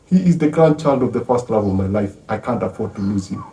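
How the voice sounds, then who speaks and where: A man voicing a fierce, proud older matriarch in a retold drama scene, with a shrill, commanding delivery. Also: expressive, quick pace, mellow, lightly acted. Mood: pleading. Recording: roomy, distant from mic.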